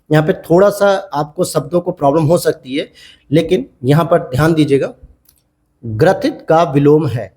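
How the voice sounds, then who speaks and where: Man teaching exam answers, slightly high. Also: dark tone. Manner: repeats key answers as quick questions to viewers; addresses viewers as friends. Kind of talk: explaining answers to a test series.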